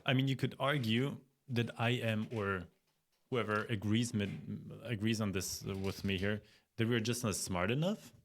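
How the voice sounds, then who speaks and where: A man giving unscripted reaction commentary, halting and dismissive as he picks apart claims. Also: lowish voice, fairly even intonation.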